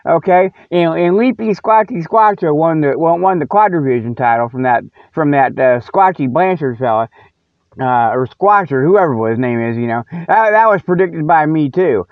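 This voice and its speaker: Hosting a humorous mock newscast, a man rambles in a casual, folksy, colloquial and jokey style. His voice sits on the high side and is expressive, moving at normal speed. The dry recording has a narrow, phone-like sound.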